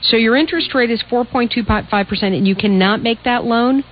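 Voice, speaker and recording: A woman's voice: on the high side, fairly quick, highs cut off. A woman hosting a radio call-in show, giving direct, explanatory advice in a conversational way. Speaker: radio call-in host, financial adviser.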